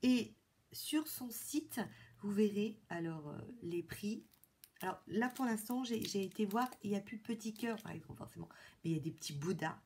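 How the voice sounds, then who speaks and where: A woman's voice: mid-range voice, a little mellow, slightly rough. Chatty French woman showing a haul. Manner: chatty, enthusiastic, many fillers and restarts. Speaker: beauty vlogger. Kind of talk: casual haul video.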